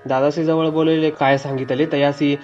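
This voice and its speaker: Man, devotional scripture reader: flat, dark delivery over faint music, lo-fi dull sound. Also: on the high side, moderate pace.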